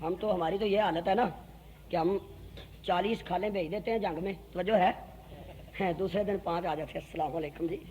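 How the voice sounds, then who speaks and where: High-voiced Punjabi-accented mosque preacher. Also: male voice, steady tone, pauses often, slight background noise. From Pakistan. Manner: fiery oratory that moves into sung verse and shouting; mixes folksy jokes with solemn appeals. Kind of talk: sermon.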